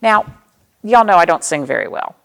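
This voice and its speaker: Here the storytime host speaks in a lowish, creaky voice at a moderate pace, still very animated. This American librarian reads expressively to young children and keeps explanations simple by putting questions to them.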